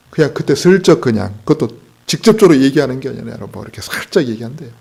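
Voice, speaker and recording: Preaching on a Sunday morning, a pastor uses a gravelly, middle-pitched voice with a fry edge and a slightly mellow quality. Along the way he poses rhetorical questions to the congregation and tells joking stories.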